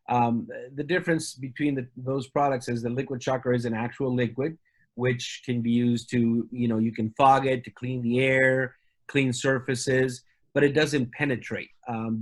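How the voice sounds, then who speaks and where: A man from Argentina, a company representative, talking casually in an interview with many fillers and restarts. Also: medium pitch.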